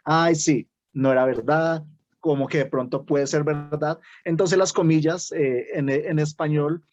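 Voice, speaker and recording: A man's voice: fairly high pitch, darkish tone, no echo. A man with a Bogotá Colombian accent teaching a writing workshop, explaining step by step and often checking in with "¿sí?". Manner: explains with many "¿sí?" checks and self-restarts. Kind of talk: online workshop lecture.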